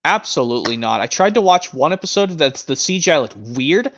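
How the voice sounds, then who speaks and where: Fairly high-pitched and very animated, this twenty-something stream host talks a little fast with a somewhat bright sound. He chats casually, wandering off-topic and starting sentences over, over muffled lo-fi audio.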